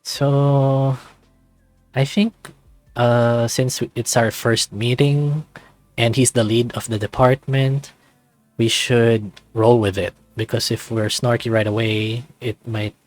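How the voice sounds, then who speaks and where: Playing through a visual novel, a let's player reads it aloud and comments casually. He speaks slowly in a steady, medium-pitched voice, recorded close and dry with music behind him.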